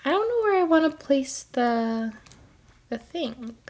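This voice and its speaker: A woman's voice: sits high, big pitch swings, measured pace, a little mellow. A woman chatting casually through gameplay commentary, her throat a little congested, often correcting herself mid-sentence and gushing over cute things. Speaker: gaming video creator.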